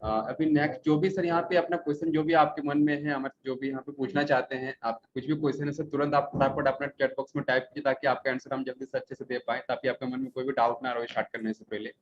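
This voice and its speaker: A man's voice: mid-range voice, level tone, fast talker, few pauses. A man moderating a live webinar, politely reading out viewer questions and thanking the guest. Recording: dull lo-fi sound with faint noise.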